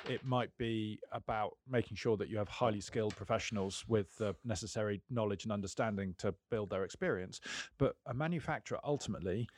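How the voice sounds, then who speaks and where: A man co-hosting a podcast, chatting quickly and readily voicing his opinions. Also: on the low side, dry recording. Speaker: podcast co-host. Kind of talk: casual chat.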